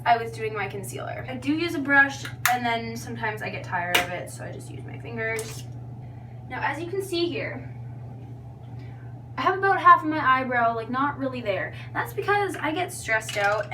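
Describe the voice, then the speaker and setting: A young woman giving a casual, chatty tutorial in a loose, tipsy, giggly and self-deprecating manner. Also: fairly high pitch. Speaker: makeup tutorial vlogger. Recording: distant mic with background noise and hum.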